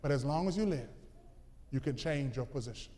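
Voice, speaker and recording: A man's voice: medium pitch, expressive, a little fast, mellow, long reverb tail. A man preaching a sermon in a rhythmic, plain-spoken way, repeating phrases. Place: church.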